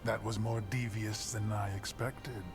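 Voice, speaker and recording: An actor playing a gracious, formal male ruler of a hellish domain in an animated series, speaking in a measured, polite way. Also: fairly low pitch, loud music behind the voice.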